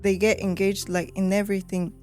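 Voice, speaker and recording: A woman's voice: mid-range voice, little pitch movement, fairly quick, darkish tone, soft background music. A young woman with a Rwandan accent, a student leader, speaking with enthusiasm and frequent use of "like". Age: young adult. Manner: enthusiastic, uses "like" often. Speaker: deputy guild president. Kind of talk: casual interview chat.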